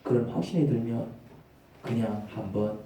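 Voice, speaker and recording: A male pastor with a Gyeongsang dialect preaching a lively, conversational sermon that acts out dialogues. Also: mid-range voice, moderate pace, creaky, slight background noise. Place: church sanctuary. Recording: echoey church hall, mic far off.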